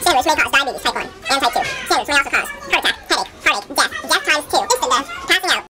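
A woman doing a squeaky rapid disclaimer voice. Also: lively intonation, bright, forceful tone, faint music behind. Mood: hurried. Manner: rattles off warnings, giggling through. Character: rapid-fire ad disclaimer announcer.

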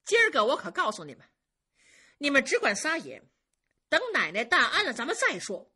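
A woman storyteller voicing a sharp-tongued young female head maid who scolds the servants briskly and commandingly. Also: mid-range voice, very animated, slightly rough, exaggerated voice. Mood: scolding.

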